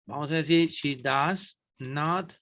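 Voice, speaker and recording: A man teaches an online English class, explaining grammar slowly and patiently. His voice is bright and a little high for a man. He keeps checking in with his students as he goes. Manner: slow, patient, asks students questions.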